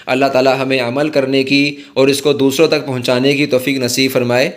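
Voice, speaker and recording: A man explaining a prayer and its meaning to viewers in an earnest, instructive way, reciting its words slowly and carefully. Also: mid-range voice, level tone. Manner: slow, careful recitation of Arabic supplication. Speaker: religious teacher. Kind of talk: scripted religious explainer.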